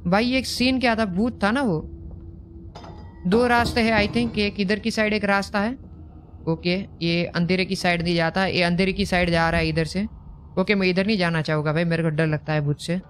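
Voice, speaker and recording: A man's voice: high voice, fairly even intonation, normal speed, fairly bright tone, soft background music. A young man giving nervous horror game commentary, jumpy and repeating words when scared. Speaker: gaming host.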